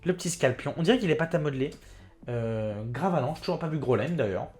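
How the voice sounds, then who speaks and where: A man hosting his own card-opening video, chatting excitedly and talking straight to his viewers. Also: fairly high pitch, a little fast, faint music behind. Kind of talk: casual card unboxing commentary.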